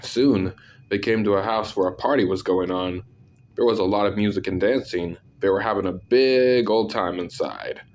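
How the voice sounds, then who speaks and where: A man with a congested, sick-sounding voice narrating scary stories, with deadpan, self-deprecating asides. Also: lowish voice, moderate pace, a little hiss or hum. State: sick, clearing throat. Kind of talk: scripted story narration with casual asides.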